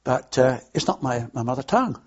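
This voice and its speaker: Recorded with dull audio, an elderly Londoner rambles through memories and anecdotes for an oral history interview, hesitating often as he goes unscripted. His medium-pitched voice is a little mellow, fairly quick and lively in intonation.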